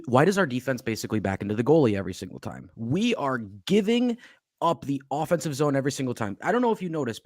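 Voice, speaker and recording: A man's voice: medium pitch, no echo, studio quality. A man co-hosting a sports podcast, talking bluntly and with exasperation, with some swearing. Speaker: podcast co-host. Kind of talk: heated sports podcast talk.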